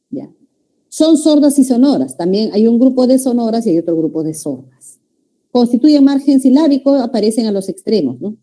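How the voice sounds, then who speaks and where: Peruvian woman teacher, dark mellow tone, explains step by step and checks in with the class. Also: a little high. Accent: Peruvian Spanish. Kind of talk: university-prep lecture.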